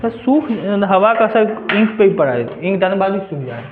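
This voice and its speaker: High-voiced man teaching a class. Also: very animated, brisk, music in the background. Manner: quizzes students with questions and answers them himself. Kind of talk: classroom lecture. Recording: echoey room on a tinny lo-fi line.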